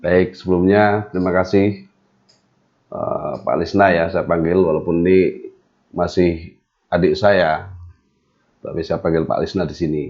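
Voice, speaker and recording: A middle-aged man from Central Java, a guest in an interview, talking in a measured way with many hesitations. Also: deep voice, steady tone, darkish tone. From Temanggung, Central Java, Indonesia. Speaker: guest, business owner. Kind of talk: interview conversation. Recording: dull lo-fi audio.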